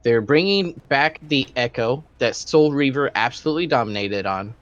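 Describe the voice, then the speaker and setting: A man's voice: mid-range voice, expressive, normal speed. A man giving playful, hyped color commentary on an esports final. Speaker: esports co-caster. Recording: dull, dry mic.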